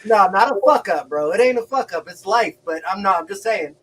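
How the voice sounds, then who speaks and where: A high-voiced man hosting a casual livestream, hyped and swearing freely as he chats. He sounds a little far from the mic, with faint background noise in the room. His talk is loose and enthusiastic. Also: expressive, fairly quick, fairly bright tone. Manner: hyped, profane, laughing often. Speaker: grow show host.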